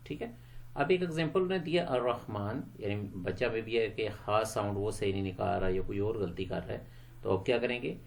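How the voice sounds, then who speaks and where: A man teaching English phrases to Quran teachers, quick in his explanations and slow and clear when he models a phrase. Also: fairly low pitch.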